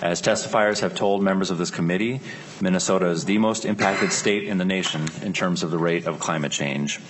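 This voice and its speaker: A man's voice: low voice, brisk, background noise. A male legislator giving formal committee testimony.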